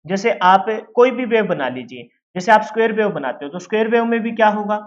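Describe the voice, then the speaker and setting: A man's voice: high-pitched, expressive, fast, dull audio. A male teacher giving a lecture, who asks questions and answers them himself and calls his students "beta". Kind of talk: classroom lecture.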